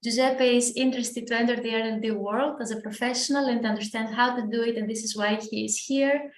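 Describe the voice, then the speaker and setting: A woman's voice: on the high side, steady tone, a little fast. A woman co-hosting an online session, reading out audience comments on a video call. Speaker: session co-host reading the chat. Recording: roomy call audio with faint noise.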